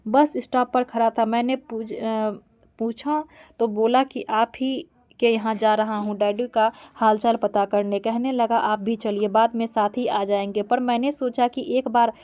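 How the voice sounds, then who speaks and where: A woman's voice: fairly high pitch, steady tone, unhurried, mellow, highs cut off, natural voice. A woman reading the part of a concerned middle-aged man, an old family friend, from a script. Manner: read aloud plainly from a script.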